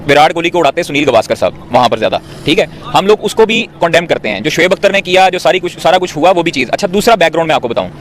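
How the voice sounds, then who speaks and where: A man's voice: a little high, lively intonation, racing, few pauses. A man debating cricket on a panel, indignant and repetitive, pressing his point hard. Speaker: commentator.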